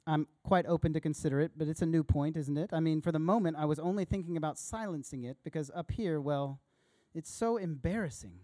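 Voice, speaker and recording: Timid, fussy male ghost, read by a man, apologetic and hesitant, slightly high voice. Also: a little fast, hardly any pauses, dry recording, studio quality, natural voice. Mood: pleading. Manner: apologetic, hesitant, soft-spoken. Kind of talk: reading a story aloud in a sermon.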